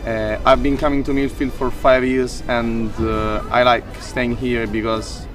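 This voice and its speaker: A man, a returning summer school student, speaking in a casual interview in a halting way with many fillers. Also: medium pitch, little pitch movement, recorded from a distance, music in the background.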